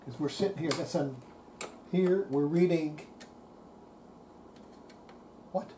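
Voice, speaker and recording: Low-pitched and dark in tone, this older woman speaks at normal speed as she works. She's a radio restorer giving casual, muttered commentary at a cluttered indoor electronics workbench, with workshop noise in the recording.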